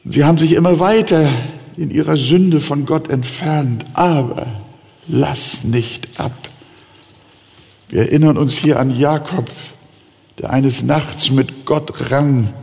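Pastor, male, slow deliberate preacher pleading with his flock; church hall echo. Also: fairly high pitch, creaky, darkish tone. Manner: earnest, pleading preaching with slow emphatic pauses. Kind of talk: sermon.

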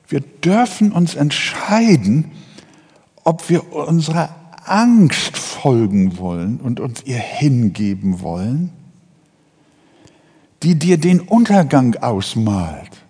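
A man's voice: sing-song, slow, dark tone, husky. A man preaching a sermon in a dramatic manner, acting out the people in his story. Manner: dramatic, acts out biblical figures with rising pitch. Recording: long hall reverb.

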